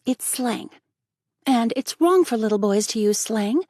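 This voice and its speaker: A woman voicing a gentle young schoolteacher who speaks softly and reproachfully. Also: fairly high pitch, animated, measured pace, no room sound, studio quality, voice pushed up. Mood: gently firm. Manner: soft, reproachful.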